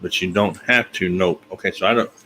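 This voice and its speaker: A man's voice: low voice, brisk, bright, forceful tone, slight background noise, poor audio. A man hosting a casual online group chat, joking and tripping over tongue twisters.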